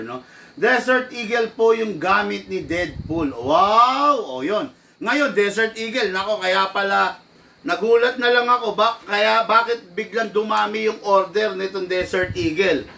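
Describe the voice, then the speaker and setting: A man casually hosting a live stream from an airsoft shop, chatty and quick to laugh as he greets viewers. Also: high voice, animated, vocal fry, pushed and bright. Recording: distant mic, faint background noise.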